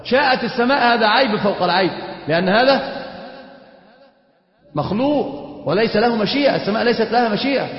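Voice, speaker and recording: Fast-talking man lecturing in echoey hall. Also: high-pitched, animated. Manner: questions students and answers himself. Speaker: Islamic teacher. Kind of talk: classroom lecture on creed. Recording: echoey hall, dull lo-fi sound.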